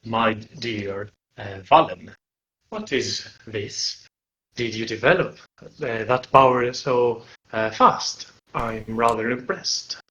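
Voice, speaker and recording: A man's voice: medium pitch, slow pace, bright, forceful tone, muffled recording. A man voicing a wise, solemn dragon-like patron creature who speaks like an old sage in a tabletop game. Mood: impressed, grave.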